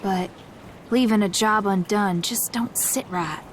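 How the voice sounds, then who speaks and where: An actress playing a gruff, wary young gunslinger in a video game, stubborn and world-weary, with a blunt, folksy Southern US drawl. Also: female voice, mid-range voice, a little slow, a little hiss or hum, lightly acted. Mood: brooding. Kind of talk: video game character acting.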